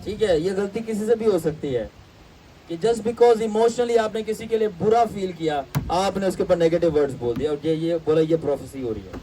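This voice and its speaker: A man teaching a Bible class, animated and storytelling, mixing English phrases into his talk. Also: sits high, distant mic, a little hiss or hum, low-quality recording. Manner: animated, acts out voices in anecdotes; mixes English phrases into Urdu.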